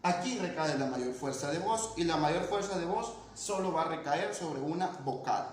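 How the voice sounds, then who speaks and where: A man's voice: fairly high pitch, animated, moderate pace. A man teaching a language lesson, explaining patiently and checking in with his students. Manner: patient, repeats points and asks ¿verdad?. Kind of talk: classroom lesson explaining phonetics. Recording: echoey room with faint noise.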